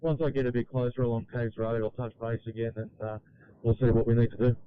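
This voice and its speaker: A man's voice: mid-range voice, flat delivery, fast talker, clean tone. An Australian man on a fire crew, coordinating informally over two-way radio. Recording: tinny, narrow field radio.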